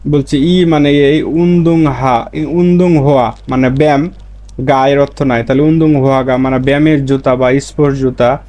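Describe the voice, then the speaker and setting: A man's voice: mid-range voice, steady tone, normal speed, warm tone. A man teaching Korean grammar, explaining each word and then repeating it in his own language. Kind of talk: explaining lessons.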